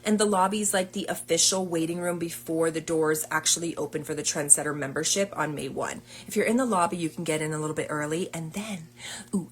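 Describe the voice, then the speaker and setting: A woman business coach chatting casually on a livestream, upbeat and full of fillers. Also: deep voice.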